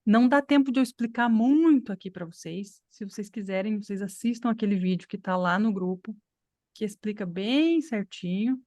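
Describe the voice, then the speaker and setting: A woman's voice: medium pitch, moderate pace, darkish tone, no room sound. A Brazilian woman teaching English over a video call, patient and explanatory, often checking that her students follow. Her voice sits mid-range and sounds dry and close on a computer mic. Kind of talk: online class.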